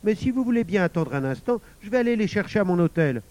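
A man voicing a lying adult thief who speaks with obsequious, feigned calm. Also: high voice, fast, no echo, pitched above the performer's own voice. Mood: smarmy.

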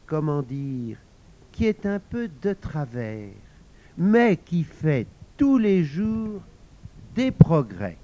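A man with a high voice reads children's stories aloud, his pitch rising and falling in a very animated sing-song. The delivery is expressive, and the recording sounds dull and lo-fi. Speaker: storyteller.

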